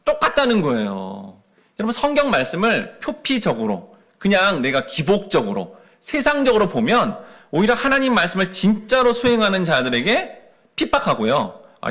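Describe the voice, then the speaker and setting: A man's voice: fairly high pitch, a bit bright. A man preaching a sermon as pastor, asking the congregation rhetorical questions with rising and falling emphasis.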